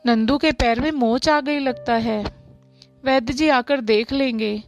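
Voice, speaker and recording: A woman's voice: high voice, measured pace, faint music behind. A woman doing a fussing, scolding mother. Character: strict, worried middle-aged mother, scolding. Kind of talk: storybook voice acting.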